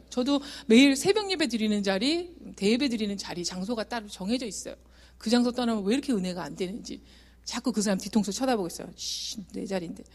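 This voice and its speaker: A middle-aged woman giving an emotional testimony sermon in a church, earnest and shifting between soft and loud. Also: mid-range voice. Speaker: guest speaker giving testimony. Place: church sanctuary.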